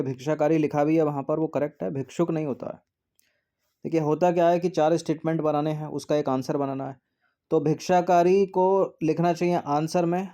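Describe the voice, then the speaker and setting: A man walks through a practice test, repeating each word as he checks the answer. His voice sits a little high and sounds mellow and relaxed. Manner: explanatory, repeats words while checking answers. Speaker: exam prep teacher. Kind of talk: exam test walkthrough.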